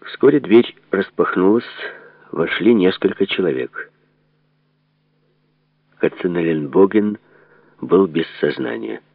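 A narrator with a low voice and vocal fry reads an audiobook aloud in a measured, serious manner. The recording is dry and narrow, like a phone line, with no echo.

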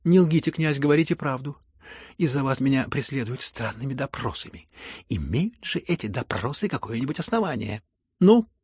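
A man reading an audiobook and voicing a proud, sharp young noblewoman with an imperious, teasing manner. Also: on the high side, moderate pace, gravelly, husky, no room sound, studio quality, pitched above the performer's own voice.

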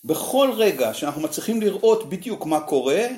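A man teaching meditation to a group, explaining slowly and reflectively with many fillers and pauses. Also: a little high, very animated, darkish tone. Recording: echoey room.

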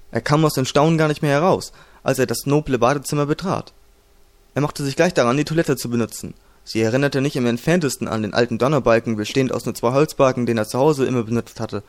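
A man reading a fantasy audiobook. His delivery is calm and even. The voice sits in a middle range. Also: medium pitch. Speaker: audiobook narrator. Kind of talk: storybook narration.

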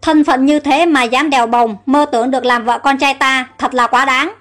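A woman's voice: high voice, steady tone, moderate pace, a bit bright, faint music behind. A woman voicing an angry old king who barks stern orders. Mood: furious. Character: angry old male king, harsh and commanding.

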